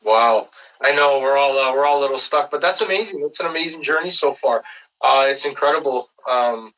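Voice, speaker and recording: A man's voice: medium pitch, a little fast, distant mic, highs cut off. A man from Canada hosting a casual remote podcast interview, friendly and rambling with lots of fillers. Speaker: podcast host.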